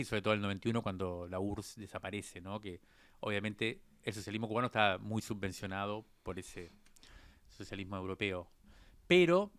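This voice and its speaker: With a lowish, slightly bright and clean voice and no echo, a man from Argentina in his fifties shares his life story as an interview guest. He speaks with an Argentine Spanish accent, reflectively, using many hesitant fillers.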